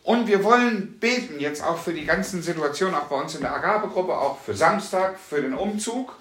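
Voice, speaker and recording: A fairly high-pitched man preaching with fervor, drawing out and repeating his key lines for effect. His voice rings through a reverberant room, picked up from some distance off the mic. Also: expressive. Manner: emphatic, repeats phrases slowly and loudly for stress. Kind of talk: sermon.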